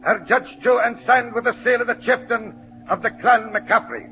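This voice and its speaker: An actor playing a stern, merciless official formally proclaiming a sentence in 1940s radio style. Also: male voice, very high-pitched, steady tone, normal speed, soft background music. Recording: dull old radio recording.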